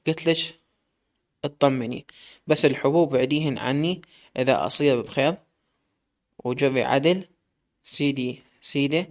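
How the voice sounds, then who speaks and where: A man voicing a gruff young male militant with an Iraqi accent, who talks in mocking riddles. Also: medium pitch, lightly acted. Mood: teasing. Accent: Iraqi Arabic.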